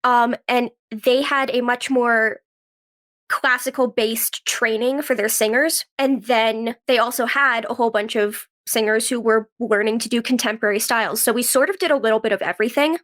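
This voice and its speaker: Her voice sits a little high with a fairly bright tone at normal speed as she, a twenty-something actress and writer, talks casually as an interview guest. She's got a cold, and "like" crops up throughout her young, conversational speech.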